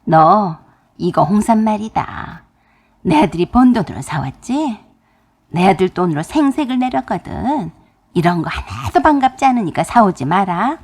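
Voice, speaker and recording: A woman voicing a stingy, sharp-tongued older mother-in-law who scolds loudly in a husky voice. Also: mid-range voice, big pitch swings, normal speed. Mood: nagging.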